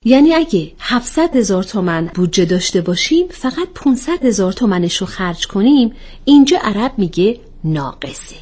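A woman voicing a calm young woman who patiently explains things in a storybook reading. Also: mid-range voice. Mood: explaining.

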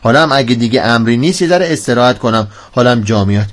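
A man's voice: medium pitch, expressive, natural voice. An actor playing a grumpy middle-aged man wilting in the summer heat in a radio comedy sketch, sighing and whining his complaints. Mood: grumbling. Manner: whiny, exasperated sighing complaints.

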